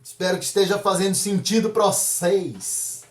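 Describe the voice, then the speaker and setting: A man preaching as a pastor in a casual, conversational sermon, with lively asides. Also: high-pitched, moderate pace, echoey room. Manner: animated, acts out dialogue, casual asides.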